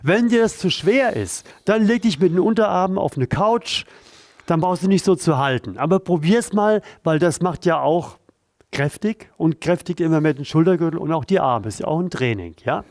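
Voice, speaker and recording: A man's voice: a little high, expressive, normal speed, a little mellow, no room sound, clean studio sound. A man leading a back-stretching exercise, addressing the viewer directly and encouragingly as he coaches a partner through it. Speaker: pain therapist leading exercises. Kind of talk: instructional exercise demonstration.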